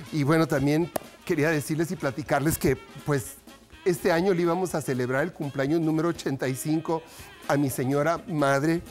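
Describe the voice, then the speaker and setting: A man doing goofy stand-up on a TV show. He giggles at his own punchlines, and his voice sits high. Faint music plays behind him. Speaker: comedian. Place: TV studio.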